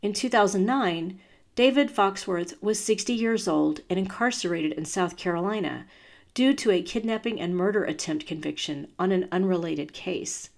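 A woman hosting a true crime podcast, reading scripted narration in a measured, serious storytelling manner. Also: on the low side, vocal fry, a little mellow.

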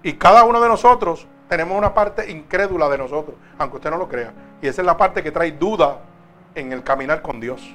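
High-voiced preacher. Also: male voice, lively intonation, a little fast, faint music behind. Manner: emphatic, swings between loud and soft. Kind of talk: sermon.

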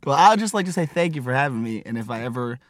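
Playful male podcast guest, lively pitch. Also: fast talker, a crowd in the background. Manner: playful, mock-earnest jokes. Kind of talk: casual chat.

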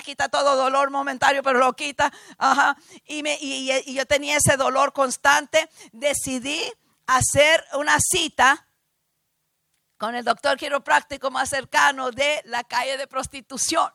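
A woman preaching her testimony with emphatic energy, often bursting into shouted praise and mixing in English words. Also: high-pitched, gravelly, no echo, studio quality. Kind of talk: animated testimony sermon.

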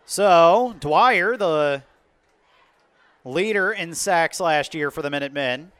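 Casting: male American football announcer, forceful bright tone, higher-set voice, live commentary. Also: expressive, slow, clean tone, dry recording.

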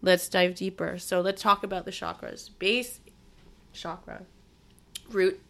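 A woman meditation teacher hosting a casual podcast, explaining things in an informal, animated way. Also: lowish voice, unhurried.

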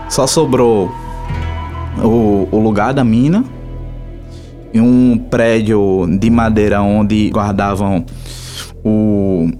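A man with a Brazilian accent hosting a casual talk show, informal and halting, repeating his words. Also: medium pitch, a little mellow. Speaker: radio show host. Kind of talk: casual hosted talk about travel places. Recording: music playing behind the voice. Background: instrumental music.

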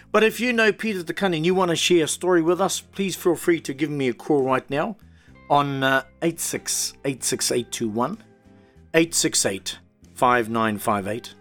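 Heartfelt New Zealand radio host, man. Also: fairly high pitch. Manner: heartfelt, halting, with frequent "um"s. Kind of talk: emotional tribute talk on air. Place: radio studio. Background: soft music playing underneath.

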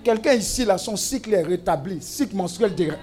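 A man's voice: sits high, animated, brisk, over music. A man preaching a sermon, exclamatory and teasing, with call-and-response to the congregation. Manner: humorous asides and teasing.

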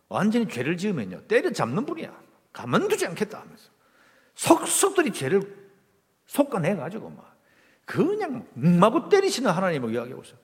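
Animated male pastor preaching. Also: on the high side. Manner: emphatic, asks the congregation rhetorical questions. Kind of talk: Sunday sermon. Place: church sanctuary. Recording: long reverb of a church hall.

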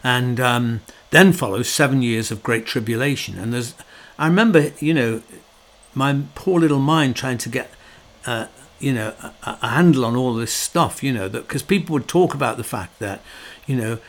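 A middle-aged man talks through a long, reflective monologue in a loose, conversational way. He leans on fillers and restarts, and his voice carries a wry, sorrowful edge. His pitch sits at an ordinary middle level. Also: creaky.

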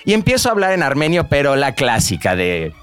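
A man's voice: medium pitch, a little fast, smooth, soft background music. A young man with a Mexican accent telling a slang-filled story among friends and acting out the voices of the people in it. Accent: Mexican Spanish. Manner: slangy, animated, acts out voices in his anecdote.

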